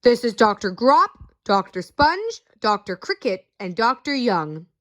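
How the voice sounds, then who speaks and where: A woman voicing a fussy male doctor in a storybook, speaking in a measured way and rattling off symptoms. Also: fairly high pitch, big pitch swings, a bit bright. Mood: businesslike.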